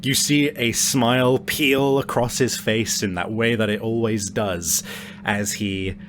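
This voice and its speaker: A man serves as game master for a tabletop roleplaying game, casually improvising narration and swearing freely as he describes scenes to his player. His voice is on the low side with fairly even intonation, and he speaks a little slowly.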